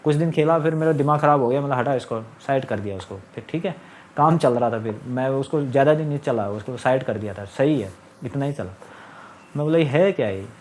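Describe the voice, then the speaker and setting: A man's voice: mid-range voice, a little fast, slight background noise. A young man telling his own story in a casual, aggrieved monologue to camera, often quoting others. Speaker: vlogger.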